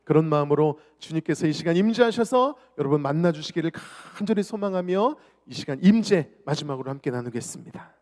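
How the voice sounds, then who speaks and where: A man's voice: on the high side, lively intonation, brisk. A male pastor preaching an evangelistic sermon, telling a personal story earnestly and addressing the congregation directly. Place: church sanctuary. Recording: long church reverb with music underneath. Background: soft worship music.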